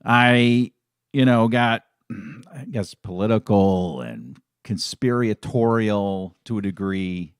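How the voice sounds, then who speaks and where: A middle-aged man hosts a casual live stream in a fairly low voice. He talks in an emotional, rambling way and often restarts his sentences. The sound is dry and close, with no room echo. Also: lively intonation, slow, clear, resonant tone. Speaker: fan channel host.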